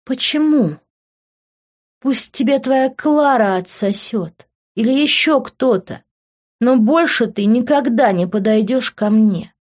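Brief: reader doing a young woman yelling at her lover, shrill and raw, muffled audio. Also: expressive, slow. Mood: furious. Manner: shouting, high and strained. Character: young woman, furious and heartbroken.

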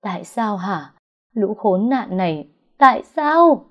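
A woman's voice: fairly low pitch, animated, a little slow. A woman voicing a furious, betrayed young woman who screams accusations and chokes on sobs, in a story reading on dull, lo-fi audio. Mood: screaming, furious. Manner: shrieking accusations, breaking into sobs.

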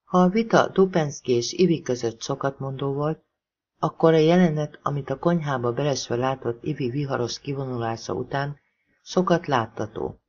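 A narrator from Hungary reading a thriller novel aloud in an expressive audiobook style. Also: medium pitch, highs cut off.

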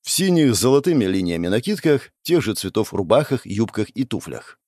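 Male audiobook narrator, sardonic first-person read, animated delivery, very dry mic. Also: fairly low pitch, a little fast, no echo.

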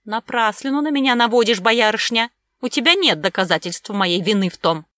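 A woman's voice: a little high, expressive, a little fast, pushed and bright, dry recording. A woman voicing a spiteful, gloating informer man. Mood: sneering. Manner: angry, sneering.

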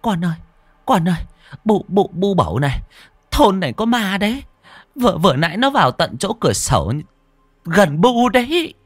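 A man's voice: high-pitched, big pitch swings, normal speed, a bit bright, no room sound, pitched above the performer's own voice. A man voicing a stammering, terrified village wife. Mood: panicked. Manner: stammering in panic.

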